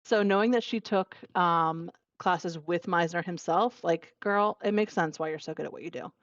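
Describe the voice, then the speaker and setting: Her voice sits on the low side and moves at a normal speed as the young Virginian co-host, from the United States, chats casually and eagerly on the podcast, using lots of fillers. The lo-fi recording sounds dull but has no echo.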